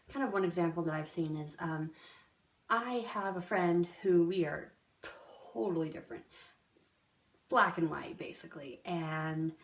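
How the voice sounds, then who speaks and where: Chatty young woman in an echoey room. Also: lowish voice. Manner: chatty, filler-heavy, earnest. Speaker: vlogger. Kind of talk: casual vlog monologue.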